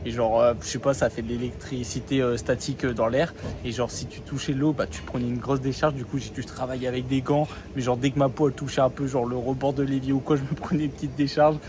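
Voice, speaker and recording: A man's voice: medium pitch, level tone, fast talker. Young man rambling, street noise behind. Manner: rambling, lots of fillers and slang. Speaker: vlogger. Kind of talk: casual diary vlog. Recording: phone vlog with street noise.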